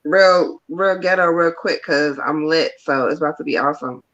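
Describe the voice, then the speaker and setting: A woman's voice: deep voice, normal speed, fairly bright tone, dull audio. A woman co-hosting a live reading stream, playful, slangy and swearing as she calls out viewers. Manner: playful, swears, calls people baby girl. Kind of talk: casual live-stream chat.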